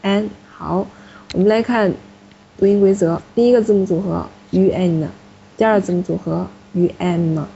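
A woman's voice: lowish voice, steady tone, moderate pace, gravelly, dark tone. A woman teaching French to a class in a classroom, explaining step by step and patiently correcting students. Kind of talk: classroom language lesson. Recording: muffled, slightly noisy classroom recording.

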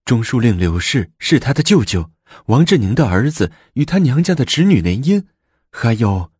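A man voicing a defiant, sharp-tongued young imperial consort who protests shrilly. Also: big pitch swings, normal speed, slightly rough, no echo, studio quality. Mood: indignant. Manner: shrill, indignant.

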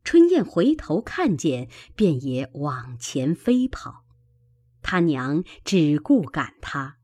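A woman narrating a classic novel aloud with expressive storytelling. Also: lowish voice, dry recording, studio quality. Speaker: audiobook reader.

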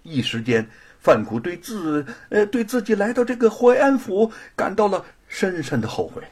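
A man's voice: high voice, normal speed. A man narrating a traditional story in a dramatic storytelling style. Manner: animated, husky.

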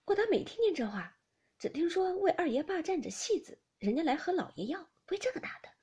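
A woman voicing a tactful, earnest young maidservant, a little higher and breathy, for an audiobook of a classic novel. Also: very animated, brisk, darkish tone. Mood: explaining.

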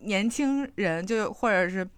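A woman's voice: medium pitch, lively intonation, unhurried, clear, resonant tone, no echo. A woman co-hosting a podcast, talking in a chatty, reflective way with many fillers. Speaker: podcast co-host. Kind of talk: casual chat.

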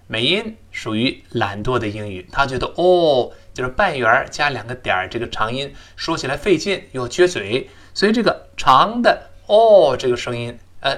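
A man gives a recorded English lesson in a chatty, explanatory way. He models the sounds aloud as he goes. His voice is bright and forceful, and his pitch sits in the middle range. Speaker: English teacher.

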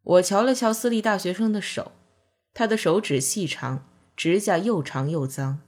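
Husky woman narrating an audiobook. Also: lowish voice, normal speed, a little mellow.

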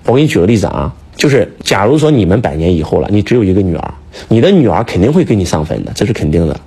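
Husky, fast-talking man lecturing emphatically. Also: low voice, big pitch swings, mellow. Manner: emphatic, lecturing, rhetorical questions. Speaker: speaker, teacher. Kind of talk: casual preaching chat.

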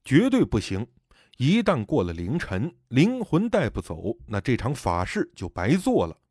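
A man's voice: medium pitch, huge pitch swings, a little slow, darkish tone, husky, no echo, studio quality, pitched below the performer's own voice, exaggerated voice. A man voicing a stern male ritual master who speaks firmly and commandingly. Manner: firm, commanding.

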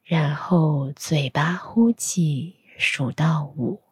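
A woman leads a guided meditation in a soothing whisper. Her voice is very breathy and low, and she speaks extremely slowly. The delivery is soft and instructional, like a spa relaxation track. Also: no echo.

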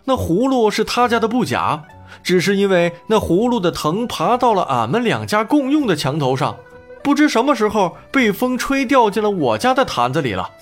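A man's voice: sits high, pitched above the performer's own voice. A man voicing a wronged male villager who pleads his case before a judge in a whining voice.

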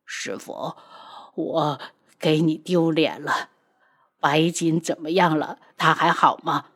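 Remorseful young male healer, faint and husky, in an audiobook, played by a woman. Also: low-pitched, big pitch swings, a little slow, pitched below the performer's own voice, exaggerated voice. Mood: despairing.

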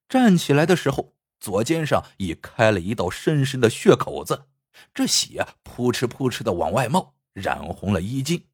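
A man's voice: mid-range voice, a little mellow, breathy edge, no echo. A man narrating a dramatic story expressively, acting out the scenes close to the mic.

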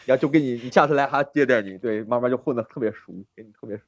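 Racing along at medium pitch, a man hosting a casual podcast chat tells stories animatedly, acting out the people in them. There's no echo on the recording.

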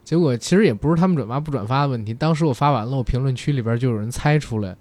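A man's voice: mid-range voice, very fast, darkish tone, dry recording. A man chatting casually and telling anecdotes in a blunt, colloquial way. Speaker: film industry commentator. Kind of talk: casual chat, animated anecdotes.

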